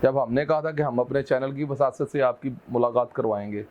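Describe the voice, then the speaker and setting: A man's voice: mid-range voice, steady tone, fairly quick. A man from Pakistan hosting a talk show, asking a caller teasing, leading questions. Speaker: host. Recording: dull lo-fi with faint noise.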